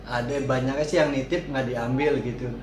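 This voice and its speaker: A man's voice: medium pitch, steady tone, moderate pace. A man giving casual, informal interview answers, often repeating his words and affirmations. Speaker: cat boarding and grooming business owner being interviewed. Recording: echoey room, clear background noise.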